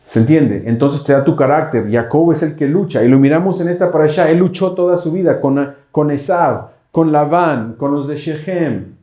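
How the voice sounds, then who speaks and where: A man's voice: a little high, moderate pace, few pauses, warm tone, roomy sound. A man teaching a congregation, explaining Hebrew words step by step and often asking his listeners whether they follow. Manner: explanatory, checks understanding with frequent rhetorical questions. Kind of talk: bilingual Bible teaching.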